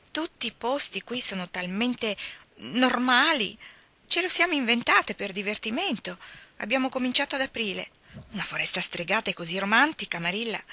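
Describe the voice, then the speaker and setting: A woman's voice: mid-range voice, bright, forceful tone. A woman voicing a chatty, imaginative orphan girl who talks eagerly and dramatically. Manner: eager, dramatic, breathless storytelling.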